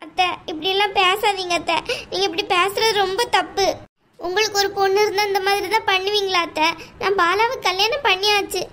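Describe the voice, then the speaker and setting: Woman voicing a desperate young wife, pleading, tearful, very high-pitched voice, amateur audio drama. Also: fairly even intonation, fairly quick, a bit bright, a little hiss or hum.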